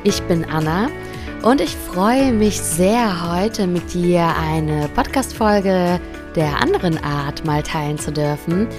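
A woman hosting a mindfulness podcast, reading a short story aloud in a soft, heartfelt manner. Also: lowish voice. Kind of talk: calm storytelling narration.

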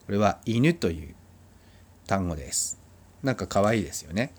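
A man's voice: deep voice, lively intonation, moderate pace, a little mellow. A man teaching a language lesson, explaining patiently and drilling sounds for listeners to repeat. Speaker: Spanish teacher.

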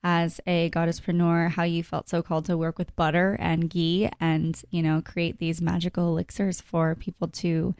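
Low-voiced woman hosting a podcast. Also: monotone, normal speed, few pauses, smooth, no echo. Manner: warm, giggly, effusive. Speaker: podcast host. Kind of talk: casual interview chat.

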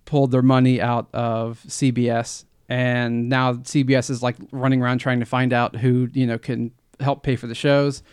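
A man co-hosting a casual podcast, calmly explaining industry news with plenty of fillers. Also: mid-range voice, normal speed, few pauses, smooth, no room sound, clean studio sound. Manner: relaxed, explanatory, many fillers like "you know" and "like". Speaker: podcast co-host. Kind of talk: casual chat.

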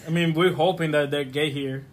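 Halting, slightly high-voiced man. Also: fairly even intonation, slight background noise. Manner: halting, with restarts, laughs along. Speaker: podcast co-host. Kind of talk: casual podcast chat.

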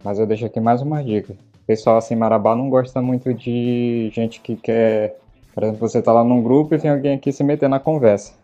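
A man hosting a casual podcast from Belém, Brazil, tells stories in a Belém Paraense Portuguese accent, using lots of fillers. His medium-pitched voice is dark and steady, moving a little fast. The audio is dull, and faint music sits behind him.

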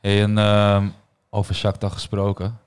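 Laid-back young man, smooth voice. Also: lowish voice, unhurried. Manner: relaxed, slangy, peppered with "nice" and "man". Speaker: podcast host. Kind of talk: casual football podcast chat.

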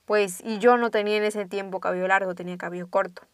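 A young woman, casually telling a ghost story and dropping to hushed tones for suspense. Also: mid-range voice, steady tone, fast, clear, resonant tone, dry recording, clean studio sound.

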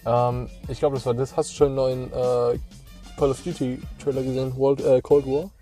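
Young male co-host, warm dark tone, laid-back slangy gamer talk over soft music. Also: mid-range voice, flat delivery, a little fast. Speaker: podcast co-host. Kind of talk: casual chat.

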